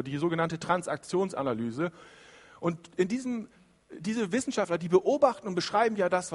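A man preaching a sermon in a lively, conversational way, acting out the doubting thoughts of his listeners. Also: a little high, long reverb tail. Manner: lively, acts out quoted inner voices.

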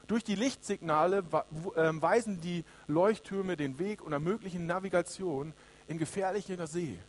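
Earnest male preacher with a high voice, addressing the congregation directly in a sermon. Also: moderate pace.

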